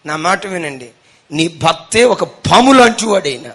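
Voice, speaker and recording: A man's voice: high voice, animated, a little slow. A male pastor preaching a sermon with a Telugu accent, telling dramatic stories and acting out the voices. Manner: dramatic storytelling, acting out voices, rising to shouts.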